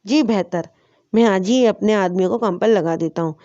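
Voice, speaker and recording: A woman voicing a loyal male servant who reports in a dutiful, slow, measured way, on a dull lo-fi recording. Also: mid-range voice, dark tone, no room sound, close to an everyday voice.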